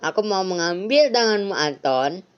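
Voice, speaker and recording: A sinister gift-giving night visitor, played by a woman, talking in a calm, cold, menacing way. The voice sits fairly low. The sound is dull and lo-fi. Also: moderate pace, clean tone, close to an everyday voice. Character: sinister Santa-like night visitor who takes body parts.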